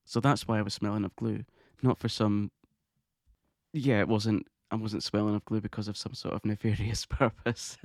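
A man hosting his own podcast, talking in a chatty, excitable way and laughing often. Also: lowish voice, moderate pace, no echo, clean studio sound. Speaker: podcast host. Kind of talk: casual monologue podcast.

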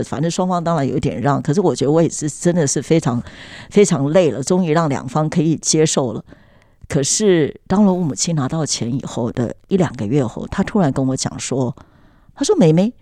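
A woman's voice: low-pitched, mellow, dry recording. Woman telling her own story on a podcast, earnest and reflective, voice rises and falls a lot, dry close sound. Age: adult. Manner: earnest, recounting memories with pauses and restarts.

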